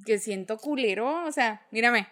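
A young woman with a Mexican accent, chatting casually in animated, swear-filled slang. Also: on the high side, normal speed. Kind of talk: casual chat.

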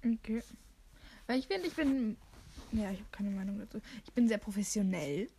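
A woman's voice: medium pitch, animated, moderate pace, dark tone, a little hiss or hum. A young woman co-hosting a podcast, rambling playfully and giggling in casual chat. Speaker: podcast co-host.

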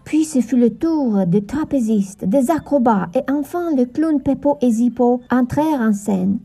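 A woman narrating a children's Christmas story in a gentle storytelling manner. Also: on the high side, expressive, measured pace, breathy edge, soft background music.

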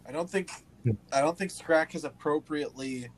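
A man running a tabletop game as game master, amused and quick to react. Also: on the high side. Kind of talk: casual tabletop game narration.

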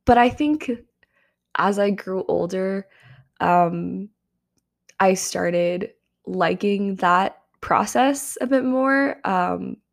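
A young woman hosts a solo podcast monologue, speaking very slowly in a gravelly, medium-pitched voice. Still slightly strained from karaoke, she talks casually and says um a lot.

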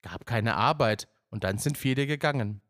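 A man's voice: mid-range voice, normal speed, a bit bright, no room sound, studio quality. A man reading a first-person story aloud in a plain, matter-of-fact way. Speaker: narrator.

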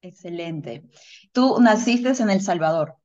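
A woman's voice: lowish voice, lively intonation, slow, a little mellow, dull audio. A woman hosting a podcast, upbeat and welcoming as she greets listeners and interviews her guest. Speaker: podcast host.

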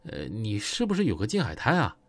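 Guy putting on a low quiet northeast boss, coaxing, dry sound. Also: huge pitch swings, brisk, dry recording, full character voice. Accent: Northeastern Chinese.

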